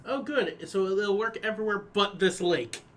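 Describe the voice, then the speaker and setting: A man's voice: high voice, normal speed, fairly bright tone. A man joking casually as a player in a tabletop game. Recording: noisy room with ambience.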